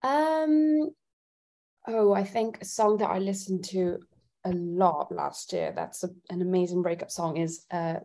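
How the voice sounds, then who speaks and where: Speaking slowly and unhurriedly in a fairly low, dark voice, this woman from Italy is a singer-songwriter being interviewed. She chats casually, giggles a little, and gropes her way through her phrases.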